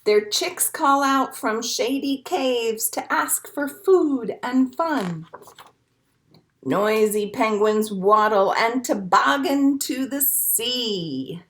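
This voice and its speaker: A librarian leads a children's storytime, reading picture books and rhymes aloud with simple, encouraging phrases. Her fairly high voice is expressive, and she draws out her words in this animated read-aloud for young kids.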